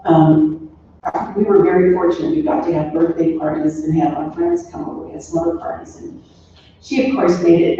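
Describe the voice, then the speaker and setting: With a warm, low-sitting voice, a daughter in her sixties reminisces at a funeral, her remembrance loose and wandering, full of stories and asides that trail off. Captured from a distance in an echoey space, the audio is roomy and muffled, with faint noise.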